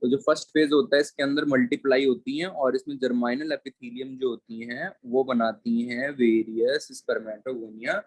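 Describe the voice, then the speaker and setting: Man slowly dictating biology notes. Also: medium pitch, steady tone, husky, no echo. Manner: slow dictation, repeating terms word by word; mixes English terms into Hindi explanation. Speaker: biology teacher. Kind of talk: classroom lecture with board writing.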